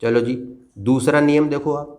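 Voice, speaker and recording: A man's voice: on the high side, steady tone, moderate pace, darkish tone. A man teaching a basic grammar lesson to children, patient and repetitive, often checking that they have understood.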